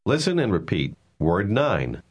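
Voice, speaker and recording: A man with a very deep, husky voice reads out a recorded language lesson. His intonation moves a lot as he explains pronunciation step by step in a measured, instructive way. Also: wildly swooping pitch. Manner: measured, clear teaching delivery. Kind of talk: scripted instructional narration.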